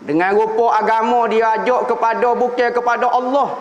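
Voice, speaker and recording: A Malaysian man, telling a religious story as a preacher, his pitch swinging between high and low as he acts out the story. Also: fairly even intonation, normal speed, lo-fi sound. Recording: echoey hall, faint room ambience.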